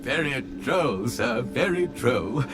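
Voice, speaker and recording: Polite butler robot. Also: male voice, medium pitch, expressive, slow pace. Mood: deferential. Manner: formal, obsequious, addresses master as sir. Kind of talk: video game dialogue. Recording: game audio with background music.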